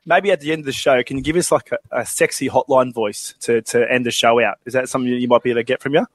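A man's voice: medium pitch, fairly even intonation, fast, dry recording. Laid-back man hosting a podcast. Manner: laid-back, laughs often, many fillers. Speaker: podcast host. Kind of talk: casual sports podcast chat.

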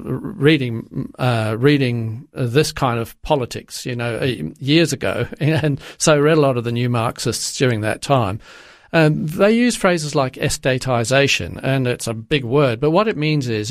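An older Zimbabwean man, appearing as a guest, answers interview questions haltingly, often restarting and using fillers. His voice sits in the mid range, and the recording is clean studio sound with no audible room.

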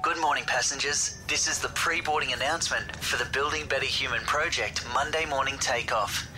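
A man reading a scripted airline-style boarding announcement in a formal, measured announcer's manner. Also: mid-range voice, poor audio. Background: music.

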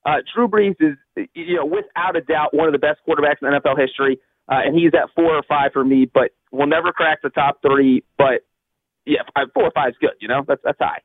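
A man from Cincinnati calling in over the phone as a guest analyst on a sports radio show, talking fast and sure of himself with plenty of fillers. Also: a little high, no echo. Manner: quick, confident, thinks aloud with fillers. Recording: tinny phone line.

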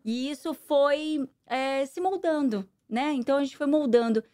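A middle-aged woman speaking with a Brazilian Portuguese accent, her voice sitting a little high. She answers interview questions earnestly and at a measured pace, with plenty of fillers. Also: dark tone. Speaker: interview guest, politician. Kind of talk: conversational interview.

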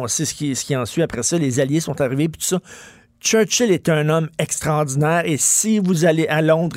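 A man hosts a talk radio show, speaking. He talks emphatically and with strong opinions in a somewhat high voice. The studio sound is dry and close. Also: darkish tone, no room sound. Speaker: radio host.

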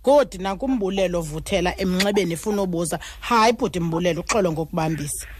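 A woman's voice: lowish voice, quick pace, a little hiss or hum. South African woman hosting a radio phone-in. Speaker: radio host. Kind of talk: phone-in health talk.

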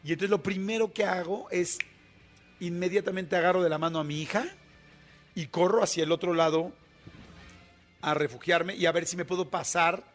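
A man's voice: high voice, steady tone, normal speed, pauses often, faint music behind. Chatty Mexican radio host man. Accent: Mexican Spanish. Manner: chatty, vivid anecdote-telling with many fillers. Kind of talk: casual on-air storytelling.

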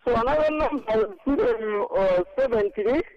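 A high, creaky man on a clipped, poor phone line, sounding muffled and lo-fi with faint music behind. He talks hesitantly, with many pauses and restarts, and his lively voice rises and falls as he calls in to a radio interview. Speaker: charity founder calling in.

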